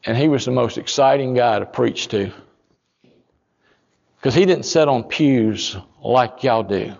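A man, a pastor telling a story in a sermon, folksy and rising to loud emphatic peaks. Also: medium pitch, a little slow, gravelly, in a large hall, lo-fi sound.

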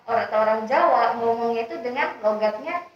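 Fast-talking young woman in an echoey room. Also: a little high, a little hiss or hum. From Kalimantan. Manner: rambling, many fillers and acted quotes. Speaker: student guest. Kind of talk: casual discussion. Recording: echoey, distant, slightly dull.

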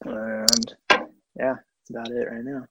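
A man's voice: mid-range voice, very animated, a little slow, gravelly, bright, forceful tone, breathy edge, low-quality recording. A young man introducing himself on a podcast with friends, laid-back and laughing often. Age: young adult. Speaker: podcast co-host. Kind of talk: casual chat.

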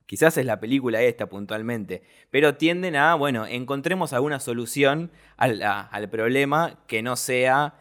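A man's voice: medium pitch, expressive, normal speed, few pauses, fairly bright tone. A man with an Argentine accent chatting casually about a film, hesitant and colloquial, with many fillers. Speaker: podcast film critic.

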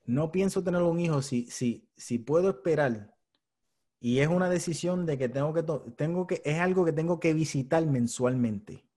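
A man's voice: a little high, moderate pace, warm tone. A man hosting a podcast, talking frankly and casually, swearing often and thinking aloud. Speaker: podcast host. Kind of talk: casual chat.

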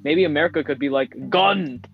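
A young man jokes around with his friends in a playful, goofy way. His voice is a little high and the recording sounds dull and lo-fi. Clear music plays in the background. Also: quick pace. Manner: playful, laughing, goofy bits. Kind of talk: casual chat.

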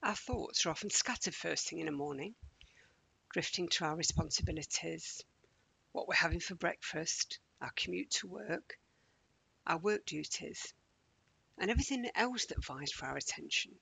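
Soft, husky, creaky man guiding meditation. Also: a little high, dry recording, low-quality recording. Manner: slow, calming, gentle instruction, often near a whisper. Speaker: guided meditation host. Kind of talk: soft, soothing guided morning meditation.

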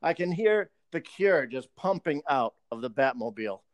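A man with a high voice that swings widely, trading jokes and swearing in casual podcast chat. The sound is close and dry, with no room in it. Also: expressive, normal speed, dry recording. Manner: joking, swearing, slips into a mock British accent. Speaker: podcast co-host.

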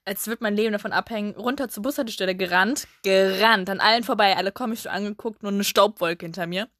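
A young woman co-hosting a casual chat, animated, acting out her younger self and laughing often as she tells a story. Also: mid-range voice, fast, dry recording, studio quality. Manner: animated, acts out her younger self with sudden loud cries; laughs often while telling. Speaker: podcast co-host.

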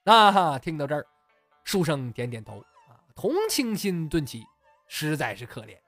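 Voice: medium pitch, big pitch swings, normal speed, soft background music. Chatty storyteller. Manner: chatty, laughs at own story, many fillers. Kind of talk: comic oral storytelling podcast.

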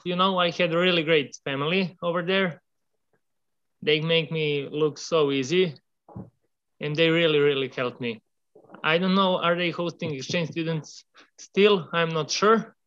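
Young man, rather high voice, hesitant, dull lo-fi line. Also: fairly bright tone, clean tone. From Serbia. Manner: halting, hesitant, searching for words. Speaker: guest, former exchange student. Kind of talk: remote interview conversation.

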